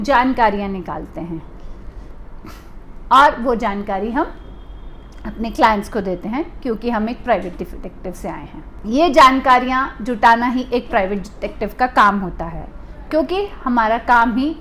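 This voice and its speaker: A woman from India who runs a private detective agency, explaining to the camera in a deliberate way and restating her points for emphasis. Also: a little high, fairly bright tone, a little hiss or hum.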